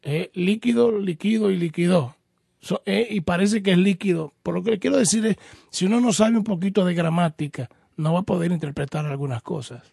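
Male pastor-host, patient teacher type, high-ish husky gravelly voice, dry close sound. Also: brisk, a little mellow, no echo. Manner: patient, explanatory, teaches with homely examples; addresses the caller formally as brother. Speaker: pastor hosting a call-in program. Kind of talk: radio call-in Bible questions and answers.

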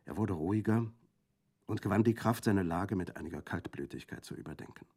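A man narrating a classic novel in a measured, even storytelling manner. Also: deep voice. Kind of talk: scripted audiobook narration.

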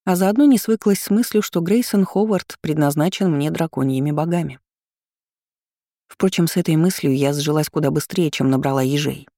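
A woman reading a first-person audiobook as scripted narration, her tone rising brightly in the heroine's lines. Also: sits low, moderate pace, no room sound, clean studio sound. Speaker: audiobook reader.

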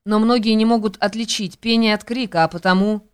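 A woman reads as a spirited young lady who answers with cool, cutting pride, her smooth, clear voice sitting at a middling pitch. It is a storybook heroine who will not be talked down to. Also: steady tone, fairly quick, close to an everyday voice. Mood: cold, indignant. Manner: proud and cutting. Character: proud, fiery young woman singer.

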